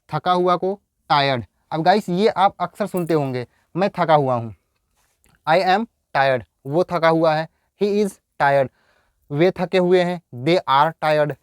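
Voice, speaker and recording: A man with a Hindi accent teaching an English lesson, dictating slowly and repeating each example sentence. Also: fairly high pitch, clean tone, no room sound, clean studio sound.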